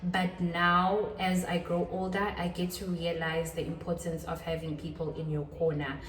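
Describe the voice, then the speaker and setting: A young woman in her twenties chats casually to her viewers, her voice sitting a little low. She is self-deprecating and repeats her points for emphasis. The sound is roomy and echoey, and she sits back from the mic. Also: level tone, distant mic. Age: 20s. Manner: chatty, self-deprecating, with quick laughs and repetitions. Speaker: channel host. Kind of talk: casual talking-head vlog.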